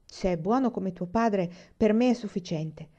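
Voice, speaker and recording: A woman's voice: mid-range voice, normal speed, dark tone, dull audio, lightly acted. A woman voicing a blunt, stubborn orphan girl with a gloomy, matter-of-fact way of talking, read as an audiobook.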